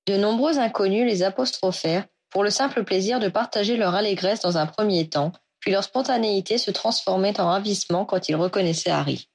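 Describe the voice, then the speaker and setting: A woman reads a story aloud at a steady pace. Her voice sits at a middle pitch. The telling stays even and clear. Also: fairly quick, few pauses. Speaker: reader. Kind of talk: audiobook reading of fan fiction.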